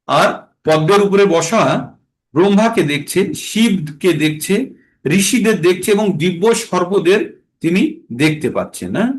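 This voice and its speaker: Guy teaching a scripture class, slow and kinda high voice, chants the verses and answers his own questions. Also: expressive, slight background noise. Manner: asks questions and answers them himself.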